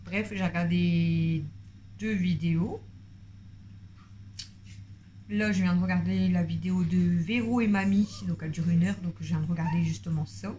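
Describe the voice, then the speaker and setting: A woman chatting on in a casual home vlog, rambling, talkative and excitable. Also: lowish voice, moderate pace, pauses often, slight background noise. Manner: rambling and talkative, jumps between topics; excitable, voice jumps up when worked up. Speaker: family vlogger.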